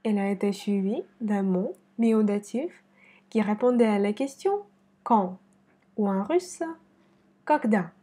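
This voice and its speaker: A woman teaching a slow pronunciation lesson to camera, repeating words deliberately. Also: medium pitch, lively intonation, dark tone, slightly rough. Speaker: Russian teacher. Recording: speaking to camera.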